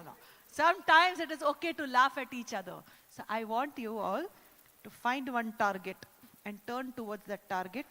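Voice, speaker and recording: A woman with an Indian English accent hosting a corporate live event, teasing the crowd and leading loud cheers and laughter. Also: on the high side. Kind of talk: energetic live event hosting with audience exercises. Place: large indoor event hall. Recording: echoey hall sound.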